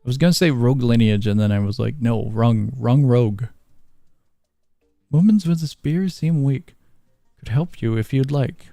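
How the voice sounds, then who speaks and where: A man's voice: mid-range voice, creaky, mellow, dry recording, clean studio sound. A man streaming a game, chatting casually, reading game dialogue aloud and chuckling often. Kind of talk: casual gameplay commentary.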